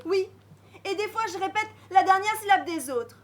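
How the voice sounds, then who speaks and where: A woman's voice: very high voice, normal speed. An actress playing a shy woman who says everything twice, on a live stage. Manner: says each sentence twice, flat and shy. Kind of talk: live amateur stage acting. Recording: live stage with audience noise.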